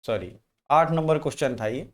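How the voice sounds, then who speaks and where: A man's voice: on the high side, expressive, normal speed. A man teaching a live online exam-prep class, firing questions at viewers, answering them and reading their comments.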